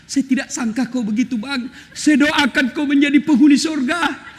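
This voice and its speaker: Man playing an angry, shrill, insulting wife in a sermon skit, in an echoey hall. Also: moderate pace, background noise. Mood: pleading. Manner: shouting, insulting her husband. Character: scolding wife from Java, furious then pleading. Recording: echoey hall with faint ambience.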